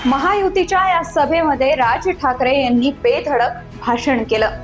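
High-pitched female news presenter over music. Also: a little slow, a crowd in the background. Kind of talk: scripted news narration.

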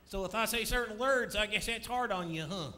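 Man voicing a high-pitched sassy pelican puppet. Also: brisk, sharp tone. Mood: cocky. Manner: sassy, mocking, drawls "uh-huh, yes". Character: cheeky wisecracking male pelican puppet. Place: comedy theater stage. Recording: live theater with noisy crowd.

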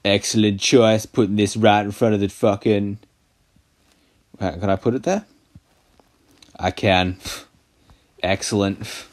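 A man's voice: fairly low pitch, steady tone, slow, long pauses, a little mellow. A man doing casual gameplay commentary, sarcastic and crude, mocking the game. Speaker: gaming channel host. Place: voice-over of a mobile game.

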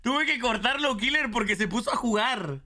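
A man's voice: very high voice, animated, moderate pace, slight background noise. A man reacting to videos on a stream, crude and joking in casual talk. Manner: crude, joking, loud bursts of laughter.

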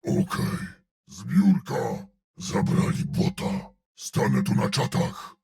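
An actor voicing a huge, gruff male brute in a video game, growling out terse battle callouts and dry sardonic remarks in a gravelly voice. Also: low-pitched, huge pitch swings, slow, mellow, full character voice.

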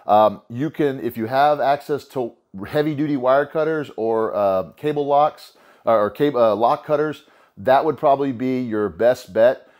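A man's voice: medium pitch, normal speed, a little mellow. A man in his thirties casually explaining a homemade cable pulley setup in his garage gym, talking loosely with lots of fillers and restarts, recorded by a camera a few steps away. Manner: loose, rambling, full of "uh" and restarts. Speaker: home gym lifter explaining a DIY build. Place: home garage gym, indoors.

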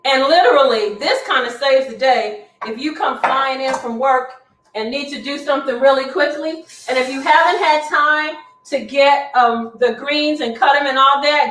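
A middle-aged woman runs a live cooking demo at home, talkative and instructive in a high, fairly bright voice. A far camera across the roomy kitchen picks her up, with slight background noise.

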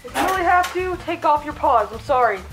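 A woman with a high voice talks through a playful cooking tutorial, chatty and mock-serious. She is in a home kitchen, her voice a little muffled by a costume head. The room echoes and soft music plays underneath. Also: lively intonation, a little fast. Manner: jokey, chatty, mock-instructional. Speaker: channel host cooking in fursuit.

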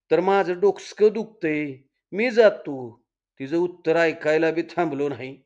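A man's voice: on the high side, lo-fi sound. A storyteller reading aloud, voicing a cocky young village man who grumbles in rural dialect. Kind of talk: dramatic Marathi story reading.

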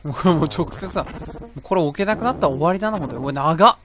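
A man's voice: fairly high pitch, expressive, rapid-fire, noisy background. A young man casually commentating a video game he is playing, talking to himself, rambling between exclamations. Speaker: gameplay commentator. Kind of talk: casual let's-play commentary. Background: game music.

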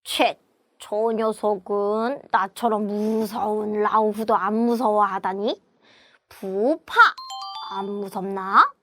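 A woman's voice: mid-range voice, fairly even intonation, takes it slowly, fairly bright tone, dry recording, faint music behind, pitched below the performer's own voice. A woman voicing a hungry, boastful male tiger who scares easily, with growls and groans, in a children's puppet show. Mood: gruff boastful.

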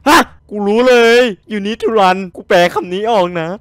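A young man, commenting on a horror game he plays, excitable and swearing, yelping when startled. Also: high voice, moderate pace. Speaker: gaming streamer.

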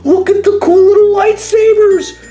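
A man playing a hyper-excited young boy hosting a toy review show, gushing over every detail. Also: very high voice, moderate pace, soft background music. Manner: gushing, shrieking enthusiasm. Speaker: kids channel host.

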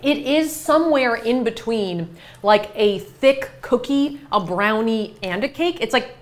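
A woman's voice: a little high, animated, a little slow. A woman co-hosting a casual livestream from home, chatting wryly while taste-testing food. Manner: wry, chatty. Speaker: co-host.

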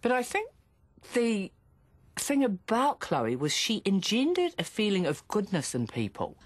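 A woman's voice: mid-range voice, huge pitch swings, measured pace, husky, no room sound. A woman giving thoughtful, hesitant commentary.

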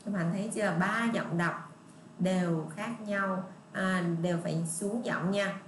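A woman teacher with a Southern Vietnamese accent talks to young children in an online lesson, explaining English pronunciation and drawing out each model sentence so they can copy it. The room around her is echoey, with faint ambient noise behind her. Her pitch sits in an ordinary middle range. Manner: patient, repetitive, drawn-out model readings.

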